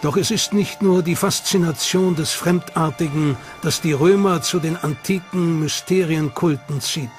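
Loud music sits under this narration from start to finish. The narrator is a man with a strikingly high voice, delivering a scripted documentary in a solemn, measured manner.

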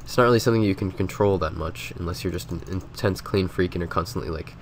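A fast-talking man with a deep, congested voice and a stuffed-up nose narrates a gaming video in a loose, relaxed manner. He rambles from idea to idea using many filler words, with a faint hum of noise behind him.

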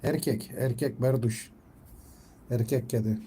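A man chats casually on a live stream from home, his voice mellow and dark. He keeps calling and coaxing his cat, and faint noise hums behind him. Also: mid-range voice, fairly even intonation, unhurried.

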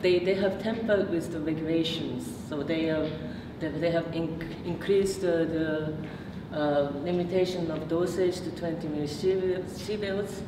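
Speaking in a low pitch, a Japanese woman doing her PhD presents a slide lecture to the public in a meeting room, frequently stalling on fillers and starting sentences over. She's recorded from far away, so the room echoes and a constant noise sits underneath.

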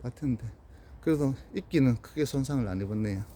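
A man's voice: medium pitch, dark tone, slight background noise. Gyeongsang-accented man giving a greenhouse tour. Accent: Gyeongsang Korean. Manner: plain, unhurried, pointing things out. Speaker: plant grower showing his greenhouse. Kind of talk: casual walkthrough narration. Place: outdoors and in a greenhouse.

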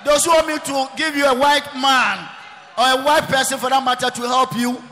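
A man preaching, emphatic and often shouting, repeating his phrases. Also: very high-pitched, steady tone, moderate pace. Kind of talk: preaching sermon. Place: large church hall. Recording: long reverb of a large church hall.

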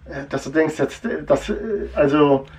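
A man's voice: fairly high pitch, level tone, normal speed, a little mellow, far from the mic. A man in his forties chatting casually in a comic shop, rambling with many fillers and restarts. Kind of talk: casual chat.

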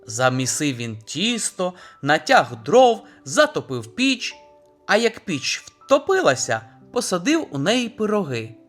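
A man telling a folk fairy tale to small children, his voice high and very lively as it moves up and down. He speaks in a warm, sing-song storytelling manner. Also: a little slow, faint music behind. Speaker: storyteller, dad.

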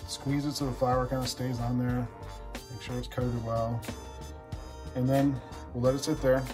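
A man in his thirties hosting a home cooking show, explaining each step in a relaxed way as he cooks in his kitchen. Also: mid-range voice, moderate pace, poor audio. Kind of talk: casual cooking demonstration. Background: background music.

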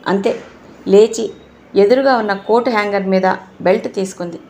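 A woman narrates an audio novel in a steady, measured voice. Her tone has a gravelly edge, and her pitch sits in the middle range.

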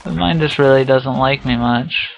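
A man's voice: medium pitch, normal speed, gravelly. A man hosting a gaming series, chatting casually and goofily while building. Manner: goofy, bursts into silly noises. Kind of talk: casual gameplay chat. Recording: dull lo-fi audio with faint hiss.

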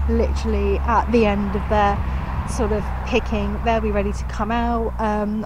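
A woman in her thirties with a southern English accent, her voice medium-pitched and slightly mellow, vlogs casually and enthusiastically about gardening. She films on a handheld camera held at arm's length, outdoors on an allotment and partly inside a shed, with clear outdoor background noise.

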